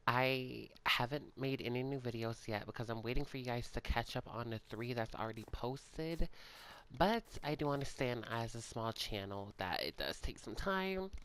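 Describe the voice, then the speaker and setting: A man at a middle pitch for his sex, talking his way through an in-character game role-play. He sounds sleepy and yawns now and then, speaking softly and hesitantly and filling gaps with ums and sighs. Casual and unscripted. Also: clear, resonant tone. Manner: hesitant and soft-spoken, many ums and sighs. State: yawning, sleepy. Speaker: gaming channel creator.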